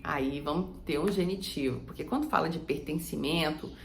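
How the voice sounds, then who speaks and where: A Brazilian woman teaching German grammar and saying example sentences slowly for the viewer to repeat. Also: low voice, vocal fry, echoey room, slight background noise. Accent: Brazilian Portuguese. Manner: slow, drawn-out model sentences for repeating. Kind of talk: language lesson.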